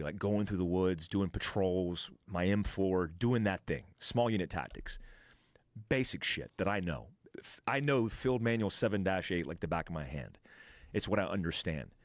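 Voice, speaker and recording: A man recounts combat as a podcast guest in a blunt, profane, casual way, stumbling into restarts and mimicking gunfire with his voice. His voice sits a little low. The sound is close and dry, with no room around it. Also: dry recording. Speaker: podcast guest, military veteran. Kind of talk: casual storytelling.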